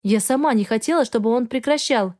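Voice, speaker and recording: A woman narrating first-person fiction in a steady, even reading voice. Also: a little high, a little fast. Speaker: audiobook narrator.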